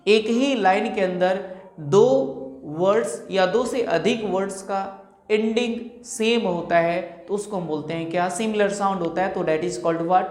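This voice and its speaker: A woman gives an English lesson in Hindi laced with English terms, in a voice of ordinary pitch for a woman. She keeps asking "what do we call it?" and then answers herself. She stretches out example words to show where the stress falls, and the room around her echoes. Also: darkish tone. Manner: explains in Hindi mixed with English terms, asks rhetorical questions then answers them. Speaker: English teacher. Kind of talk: classroom-style lesson explaining rhyme types.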